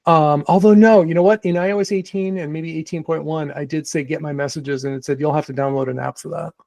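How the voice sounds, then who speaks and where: A man's voice: on the high side, fairly even intonation, quick pace, gravelly, a little mellow, no echo. A man co-hosting a podcast in casual chat, rambling with restarts and fillers. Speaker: podcast co-host.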